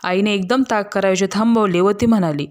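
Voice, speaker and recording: A woman's voice: mid-range voice, fairly even intonation, fairly quick. Woman reading a story aloud. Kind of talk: narration of a story.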